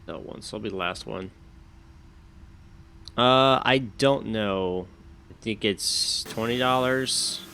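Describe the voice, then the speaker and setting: Guy streaming a flight sim, low crackly voice, casual pilot talk. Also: slow pace, gravelly, long pauses, pushed and bright. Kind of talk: casual livestream chat and pilot radio calls.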